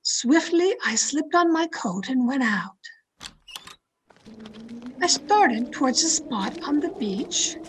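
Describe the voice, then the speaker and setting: For an online radio play, an actress gives a first-person 1940s mystery narration as a tense, secretive woman recounting her own crime, in a deliberate, dramatic, suspenseful style. Her high, animated voice sounds tense and brooding, captured in a noisy home video-call recording.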